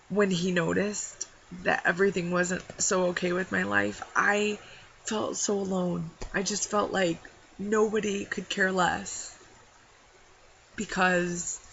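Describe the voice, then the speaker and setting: Young woman, vlog confession, rambling, gravelly fry, muffled lo-fi sound. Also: fairly low pitch, bright, forceful tone, slight background noise. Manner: rambling, heartfelt, many fillers. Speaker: vlogger. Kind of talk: personal talk to camera.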